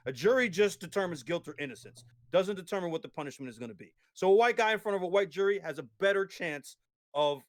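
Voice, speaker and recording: Higher-voiced man explaining at length. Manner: explains at length, many restarts and tag questions. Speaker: guest. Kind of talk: casual debate.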